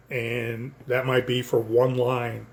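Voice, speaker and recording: A man's voice: mid-range voice, fairly even intonation, very slow, vocal fry, darkish tone. An older man, a poet, talking casually and rambling through the lines of his own poem, thinking aloud with frequent fillers and restarts.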